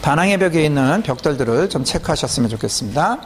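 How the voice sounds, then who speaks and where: A man's voice: fairly high pitch, lively intonation, quick pace, slight background noise. A man preaching and leading prayer, speaking emphatically and often checking with the audience. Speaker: pastor. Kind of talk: sermon teaching and leading prayer.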